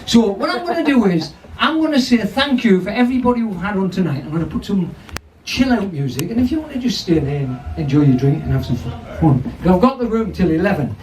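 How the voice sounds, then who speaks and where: With a voice that sits high and a fairly quick pace, an older North East England man compères a pub comedy night, full of sweary, rambling crowd work and laughs at his own jokes. The recording has a distant mic, a lively crowd and a little hiss or hum.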